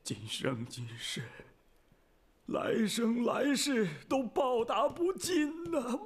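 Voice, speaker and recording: A man's voice: high-pitched, very animated, takes it slowly, full character voice. A man playing a dying, loyal old general in a historical drama, pleading humbly with his emperor in a weak voice that slips into whispers. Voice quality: husky, weak, breaking into whispers. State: frail and dying.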